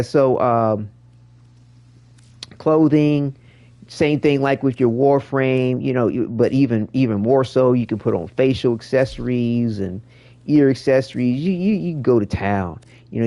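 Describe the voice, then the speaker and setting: A man's voice: fairly low pitch, gravelly, dark tone, dry recording. A man giving casual gaming commentary in a rambling, slangy way, often repeating his words. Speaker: streamer showing a game to a viewer.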